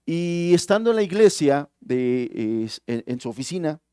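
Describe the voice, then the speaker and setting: A man's voice: a little high, sing-song, normal speed, warm tone, clear, resonant tone, dry recording, studio quality. A male pastor with a Mexican Spanish accent preaching a sermon in a conversational, storytelling way. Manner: conversational storytelling, many restarts.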